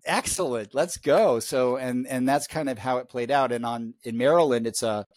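A man in his fifties talks as a podcast guest, in a rambling, halting way full of restarts. His voice sits at an ordinary middle pitch. The sound is dry and close, with no room around it. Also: fairly even intonation, darkish tone, no room sound. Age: 50s. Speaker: guest athlete. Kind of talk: casual podcast storytelling.

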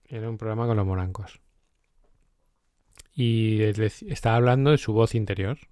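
Male host, low mellow tone, casual storytelling chat. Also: moderate pace, no echo, studio quality. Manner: animated, storytelling with quoted asides. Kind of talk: casual chat about a self-help book.

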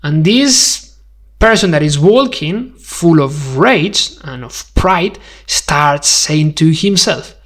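A Spanish man hosts a podcast, his accent clear as he delivers an emphatic, conversational teaching monologue and asks the listener rhetorical questions. His voice is on the high side, animated, and fairly bright, though he takes things slowly.

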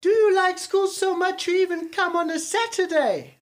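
A woman voicing an old woman neighbor who calls out loudly and cackles teasingly. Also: very high-pitched, moderate pace, voice pushed up.

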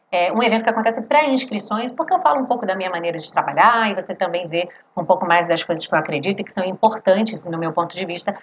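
A woman's voice: medium pitch, slight background noise. Brazilian teacher woman explaining pronunciation. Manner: explanatory, demonstrates English pronunciation slowly. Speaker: English teacher. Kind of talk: live online English lesson.

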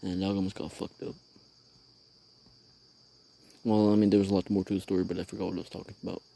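A man's voice: low-pitched, little pitch movement, very fast, vocal fry, dark tone. A man hosting his own show, telling a rambling, profane story in casual slang while sitting outdoors at night. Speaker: podcast host.

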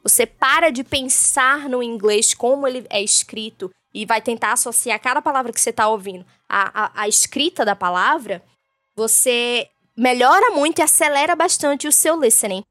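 A woman's voice: on the high side, normal speed, sharp tone, no room sound. A Brazilian woman who teaches English, giving a chatty podcast lesson and dropping English terms into her explanations. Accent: Brazilian Portuguese.

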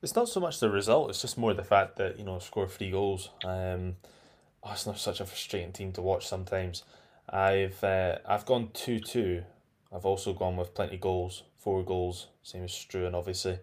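Very deep-voiced man. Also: steady tone, moderate pace. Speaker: podcast panelist. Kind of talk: casual football chat.

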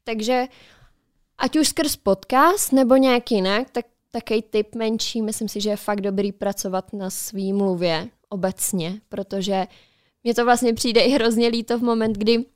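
A woman's voice: medium pitch, a little mellow, dry recording, clean studio sound. A woman co-hosting a casual podcast, talking in a chatty, reflective way and giving advice. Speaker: podcast co-host. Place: studio.

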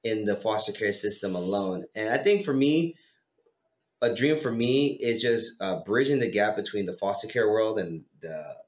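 A young adult man, a former foster youth appearing as a podcast guest, talks earnestly and encouragingly about faith and foster care. His lowish voice has lively intonation at a moderate pace, and the casual conversation is recorded with a roomy echo.

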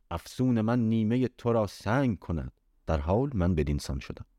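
A man reading an old tale aloud as storyteller, in measured old-style narration with an occasional casual aside. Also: low voice, dark tone, no room sound, clean studio sound. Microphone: home voice-message recording.

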